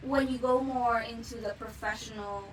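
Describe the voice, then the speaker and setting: A woman's voice: fairly high pitch, fairly even intonation, normal speed, a crowd in the background, poor audio. A young woman from Mexico with a Mexican accent, a guest chatting casually in an interview with many fillers. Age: young adult. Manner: chatty, with frequent fillers and laughs.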